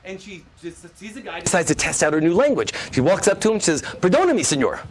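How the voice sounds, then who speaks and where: A man performing stand-up magic patter on stage, telling a comic story quickly with punchlines. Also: sits high, a little hiss or hum. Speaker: magician doing a comedy routine. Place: theater stage before a live audience.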